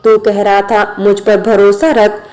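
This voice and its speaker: Anxious lovestruck young man, read by a woman narrator, earnest, fretful, flat level tone. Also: medium pitch, takes it slowly, close to an everyday voice.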